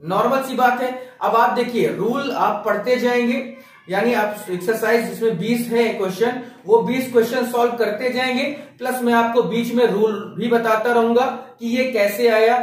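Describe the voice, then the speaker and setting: A man's voice: very high-pitched, steady tone, moderate pace. A man with a Hindi accent teaching an English grammar lesson, explaining step by step and asking rhetorical questions as he goes. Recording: echoey room, voice from a distance.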